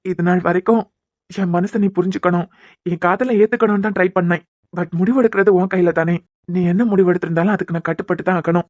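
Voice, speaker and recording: A woman's voice: on the low side, steady tone, quick pace, a little mellow, no echo, natural voice. Woman doing an earnest young cartoon guy, kanyakumari accent, apologetic, making long heartfelt speeches, dry close sound. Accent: Kanyakumari Tamil. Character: earnest young man pleading with his love. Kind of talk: cartoon serial voice acting.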